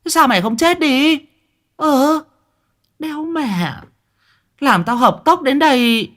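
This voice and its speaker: A man's voice: sits high, animated, normal speed, pitched above the performer's own voice. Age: middle-aged. Figure: wailing village woman as a man puts her on. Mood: crude scolding. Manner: sing-song lamenting wail, stretched out.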